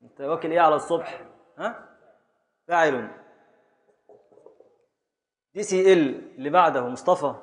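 A man with an Egyptian Arabic accent, teaching a class as a sheikh, slowly chanting syllables of poetic meter and calling on students by name to answer. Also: on the high side. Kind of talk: classroom lesson, quizzing students.

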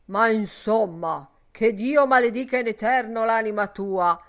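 Reading an audiobook, a woman voices Ben Dollard, a burly, blustering older man with a booming, gruff manner. Her performance is furious and very animated yet unhurried.

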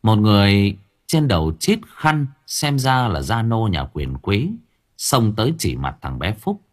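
A man narrating an audiobook story in an expressive, dramatic reading style. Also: on the low side, unhurried.

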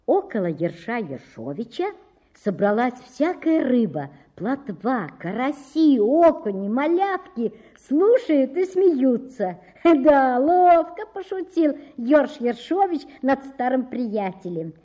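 Lively, mellow woman reading a fairy tale. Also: high voice, slow pace. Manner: expressive, lively storytelling. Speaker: storyteller.

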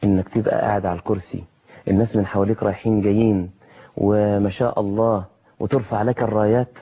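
A man's voice: on the low side, level tone, quick pace, dark tone, breathy edge. A man with an Egyptian accent preaching on television in a colloquial way, full of rhetorical questions. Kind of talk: televised sermon.

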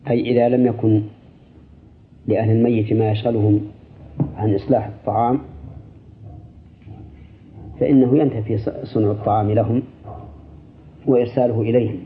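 An older man, an Islamic scholar, answering listener questions on a radio program in a measured, deliberate way. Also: fairly low pitch, steady tone, slight background noise. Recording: tinny, lo-fi radio broadcast.

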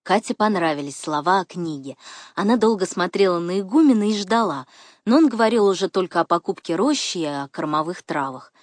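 A woman narrating an audiobook in an expressive, intimate way. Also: lowish voice, fairly quick, dry recording, clean studio sound.

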